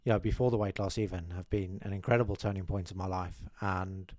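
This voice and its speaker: A young South African man, a guest on a podcast, chats casually and modestly about his life in a low, steady, slightly mellow voice, talking fast and often restarting his sentences as he rambles. The casual interview is recorded in a small curtained studio room on a desk mic mounted on a boom arm, with headphones on. The sound is clean studio quality with no room sound.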